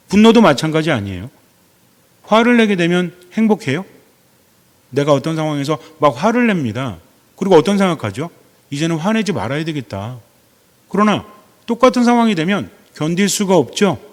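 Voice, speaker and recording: Priest preaching, rising pitch, hall echo. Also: male voice. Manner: asks the audience many questions, acts out everyday quotes. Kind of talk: lecture-style sermon.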